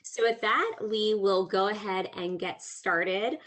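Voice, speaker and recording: A woman's voice: medium pitch, slow pace, fairly bright tone. Woman moderating an online panel. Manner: friendly, organized, with fillers. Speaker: career services event moderator. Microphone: video call.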